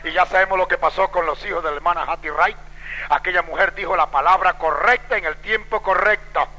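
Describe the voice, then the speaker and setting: A male preacher with a high, very bright and cutting voice delivers a dramatic sermon. He acts out the people in his stories and moves between fervent loud peaks and quiet, low passages. The sound carries a long reverb from a large church hall. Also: brisk. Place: church sanctuary.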